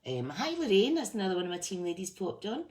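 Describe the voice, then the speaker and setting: A woman's voice: medium pitch, big pitch swings, quick pace, darkish tone. A woman from the west of Scotland with a Fife accent, chatting casually and informally to viewers as a craft demonstrator and team leader. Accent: Fife, Scottish. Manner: chatty, informal, addresses listeners as guys. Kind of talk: casual live chat to viewers. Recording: clearly noisy room recording.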